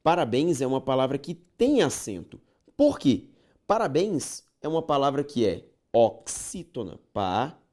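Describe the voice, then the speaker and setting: A man's voice: mid-range voice, big pitch swings, moderate pace, darkish tone. A man with a Brazilian accent teaching a grammar lesson. He is emphatic, repeats key points and asks rhetorical questions. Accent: Brazilian Portuguese.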